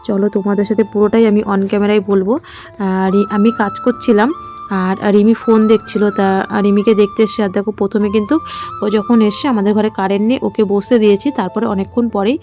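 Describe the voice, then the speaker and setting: In a slightly mellow, mid-range voice, a middle-aged mother talks casually in her vlog, rambling with heartfelt warmth and lots of fillers.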